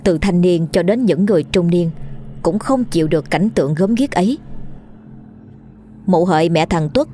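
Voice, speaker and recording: Low-voiced woman narrating horror. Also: moderate pace, long pauses, a little hiss or hum. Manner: steady storytelling. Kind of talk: scripted horror story narration.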